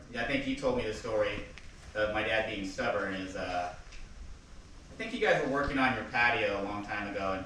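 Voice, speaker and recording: Bright-voiced man telling stories in an echoey hall. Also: mid-range voice, distant mic, slight background noise. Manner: chatty storytelling with laughs and loud quoted outbursts. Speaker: son giving a eulogy. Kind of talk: casual anecdotal eulogy. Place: funeral service hall.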